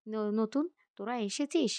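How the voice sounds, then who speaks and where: A woman's voice: fairly high pitch, measured pace, a little mellow, dry recording, natural voice. A woman voicing a stern elder brother who heads the household and lectures in a scolding tone.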